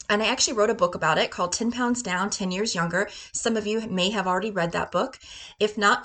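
A woman in her forties hosts her own show as a health and fitness coach, pitching her program in a casual monologue. She sounds bubbly and upbeat and often breaks into laughter. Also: a bit bright. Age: 40s.

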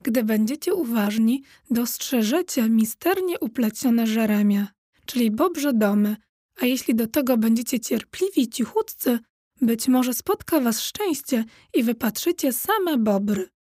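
A woman narrating a children's audiobook with lively, expressive storytelling. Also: on the high side, unhurried, dry recording, clean studio sound.

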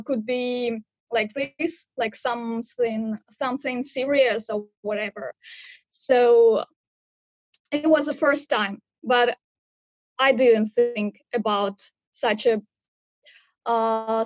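A woman in her thirties from Kazakhstan answers questions in a casual interview over a video call, speaking English hesitantly as she searches for words. Her voice sits on the high side, and the audio is dull without echo.

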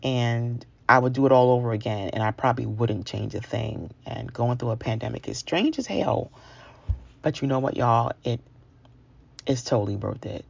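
A woman of around forty from New York tells a personal story as the featured storyteller, sounding candid, conversational and confiding. Her voice is extremely low, creaky, husky and a little mellow, at a moderate pace. The lo-fi recording has no room sound.

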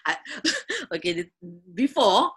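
A woman's voice: a little high, huge pitch swings, slow, fairly bright tone, breathy edge. A middle-aged woman with a Singaporean accent chatting as an interview guest in Singlish, mixing in Malay words and particles like lah and kan, often searching for words. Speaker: podcast guest. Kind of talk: casual interview chat.

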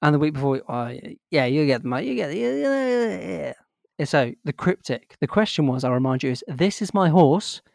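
A man's voice: a little high, very animated, fairly quick, creaky, darkish tone, dry recording, clean studio sound. A man co-hosting a podcast in a casual, rambling chat, gushing with enthusiasm. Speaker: podcast co-host.

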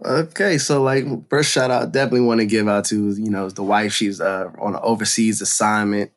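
This is a man co-hosting a casual podcast, his voice somewhat low and still groggy from the morning. He talks in a relaxed, laid-back way and chuckles now and then. He speaks into a computer's built-in microphone. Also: brisk. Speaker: podcast co-host. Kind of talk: casual chat.

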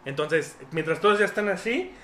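A young Mexican man chatting casually, telling stories with lively acted-out quotes. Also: sits high, moderate pace, slight background noise. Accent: Mexican Spanish. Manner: animated storytelling, acting out quotes. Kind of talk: casual podcast chat.

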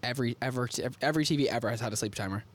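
A young man co-hosting a podcast, telling stories in an animated, swearing, laughing way. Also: mid-range voice, rapid-fire. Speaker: podcast co-host. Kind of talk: casual chat.

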